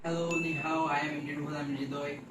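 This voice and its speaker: A man's voice: fairly high pitch, flat delivery, fast. A young man from Bangladesh with a Bangladeshi accent, introducing himself in broken, hesitant English as a student applicant. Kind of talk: self-introduction video. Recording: echoey room, distant mic, noisy.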